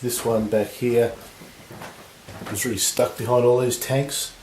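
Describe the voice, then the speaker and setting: A man with a husky voice from recent illness, giving relaxed, rambling commentary on a tabletop battle. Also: mid-range voice, measured pace. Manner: relaxed, rambling, lots of fillers. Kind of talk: casual game commentary. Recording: echoey room with faint noise.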